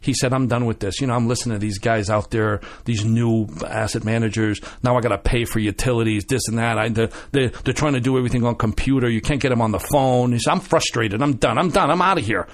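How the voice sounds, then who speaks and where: A man guest on a radio show, telling animated stories with many restarts and acted-out quotes. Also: medium pitch, fast talker, few pauses. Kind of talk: casual storytelling chat.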